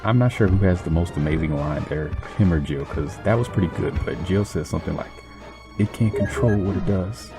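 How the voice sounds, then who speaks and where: Man, very low and gravelly, sarcastic game commentary, music behind. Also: a little fast. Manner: sarcastic, teasing about the game. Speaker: let's play host. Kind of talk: joking gameplay commentary.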